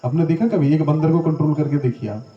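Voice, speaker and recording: Man, spiritual teacher, conversational storytelling, slightly high voice, dull lo-fi sound, roomy echo. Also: fast, recorded from a distance, faint music behind. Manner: conversational, asks the audience questions. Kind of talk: storytelling scripture lecture.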